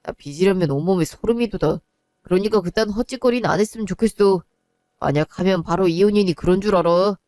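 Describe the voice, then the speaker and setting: A woman's voice: medium pitch, quick pace, a little mellow, no echo, close to an everyday voice. A woman voicing a stingy, cold young husband who talks in a curt, dismissive way in a one-voice audio drama.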